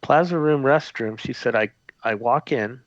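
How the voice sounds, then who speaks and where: A man's voice: medium pitch, normal speed, no room sound. A man, a former theme park custodian, telling a story in a conversational, rambling way with many fillers and restarts. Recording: dull lo-fi audio, dry.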